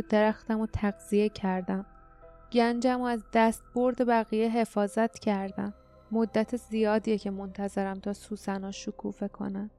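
A woman's voice: mellow, clear, resonant tone, lightly acted. A woman doing a muttering grim knight. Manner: low muttering, cold menace. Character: grim possessive armored male knight.

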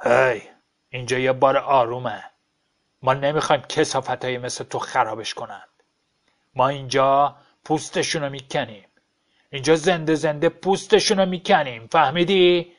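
A man's voice: mid-range voice, fairly even intonation, natural voice. A man voicing a big young pool player who threatens a stranger in a bar, in an audiobook reading. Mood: threatening. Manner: threatening, tough.

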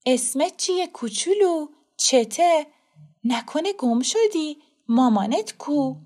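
A woman voicing a kind grown woman who coaxes a lost child slowly and gently. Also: high-pitched, pitched above the performer's own voice. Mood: gentle. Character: kind, hurried adult woman, gentle then flustered.

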